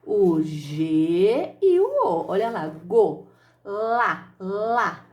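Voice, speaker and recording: A woman's voice: mid-range voice, sing-song, very slow, a little mellow. A woman teacher giving a children's phonics lesson, sounding out syllables in an affectionate, sing-song way.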